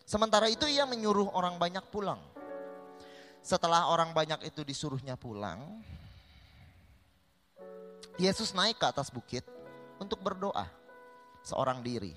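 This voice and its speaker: A man's voice: sits high, big pitch swings, normal speed, pauses often, a bit bright, soft background music. A male pastor with an Indonesian accent, preaching a sermon that mixes Indonesian with English phrases and often calls listeners "saudara".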